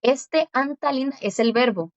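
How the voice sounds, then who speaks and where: A woman with a high voice teaches Korean in a one-on-one session, explaining patiently step by step and slowly repeating words. The recording is dull and dry, with no echo.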